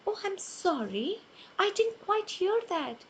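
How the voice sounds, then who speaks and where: A woman's voice: very high voice, very animated, slow pace, slight background noise, pitched above the performer's own voice, full character voice. A woman voicing a baker woman who asks sweet, feigned polite questions. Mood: teasing. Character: sly baker woman, politely pretending not to hear.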